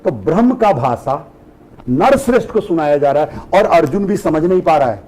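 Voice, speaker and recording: A man's voice: a little high, expressive, normal speed, warm tone, rough recording. A middle-aged man, a spiritual teacher, giving a discourse to an audience. He asks rhetorical questions and answers them himself, and he drops English phrases into his talk.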